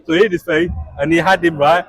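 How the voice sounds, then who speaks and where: A man's voice: a little high, quick pace, no room sound. A man debating religion in a heated back-and-forth, pressing his points with "listen" and "right?". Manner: animated, repeats "right?" and "listen".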